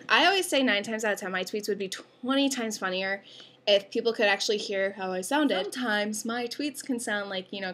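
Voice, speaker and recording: A woman's voice: medium pitch, fairly bright tone. Young woman vlogger, upstate New York accent, chatty and self-mocking, loose casual delivery full of fillers. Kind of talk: casual vlog talk to camera.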